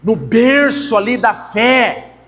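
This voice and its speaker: A man's voice: very high-pitched, lively intonation, slow, a bit bright. A young man with a Brazilian Portuguese accent preaching a conversational sermon and addressing the congregation as brothers. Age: young adult. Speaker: pastor. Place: church hall. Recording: long church hall reverb.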